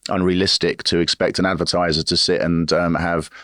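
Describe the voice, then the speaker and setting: A man's voice: low voice, little pitch movement, brisk, fairly bright tone, no echo, studio quality. A man hosting a podcast interview, asking long, rambling questions full of restarts. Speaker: podcast host.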